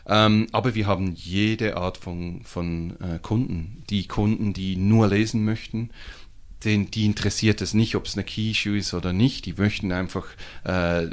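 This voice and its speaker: Lively Swiss German man, low voice. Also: a little slow. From Switzerland. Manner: animated, lots of fillers and restarts. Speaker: comic shop owner, guest. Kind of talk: casual podcast conversation.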